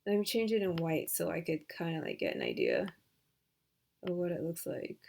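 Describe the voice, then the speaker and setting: A woman giving a casual software tutorial, thinking aloud with hesitant fillers and dropping to soft mutters as she works. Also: lowish voice, wildly swooping pitch, moderate pace, creaky, a little hiss or hum. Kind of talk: screen-recorded tutorial.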